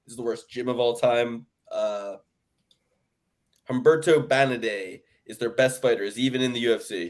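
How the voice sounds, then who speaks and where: A man co-hosting a sports picks podcast, ranting in casual chat and mocking others with put-on quotes. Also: mid-range voice. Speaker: podcast co-host.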